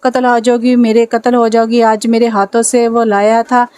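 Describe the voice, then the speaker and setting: A rude, short-tempered young hero from a storybook novel, as a woman reads his lines. The lines come out curt and irritable in a fairly high voice. The pitch stays flat and even throughout. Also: moderate pace, clear, resonant tone, dry recording, close to an everyday voice.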